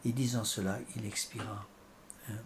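Male priest, sermon delivery, halting and repetitive, faint background noise. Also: on the low side, flat delivery. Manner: halting, repeats words, frequent fillers. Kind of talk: sermon with scripture commentary.

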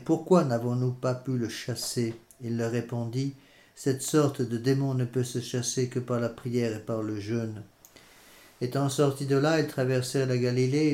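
A man preaching a sermon in French and reading scripture aloud, measured and hesitant, pausing on fillers. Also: mid-range voice, mellow. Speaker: priest. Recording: echoey room.

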